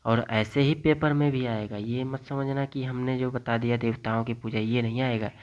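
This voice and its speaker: A man teaching a casual exam-prep lesson, reading textbook lines aloud and then explaining them in plain, chatty terms. He repeats key lists over and over and fires quick questions at viewers before answering them himself. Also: mid-range voice, fairly even intonation, a little mellow. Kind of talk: casual classroom lecture. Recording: slightly dull lo-fi audio.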